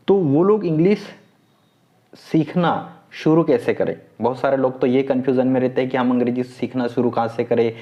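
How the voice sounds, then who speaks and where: A man giving a step-by-step spoken lesson, encouraging and repeating key words over and over. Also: medium pitch. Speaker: English-speaking teacher. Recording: dull lo-fi sound.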